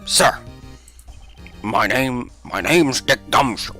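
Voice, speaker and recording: A man voicing an eager, blustering male police detective in a video game, loud and saying "sir" over and over. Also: mid-range voice, animated, takes it slowly, faint music behind.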